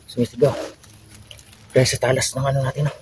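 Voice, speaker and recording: A man's voice: mid-range voice, flat delivery, fairly quick. Winded man narrating a noisy outdoor trek. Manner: earnest, talks directly to viewers. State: out of breath from a long hike. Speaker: vlogger. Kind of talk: narrating an outdoor adventure vlog to viewers.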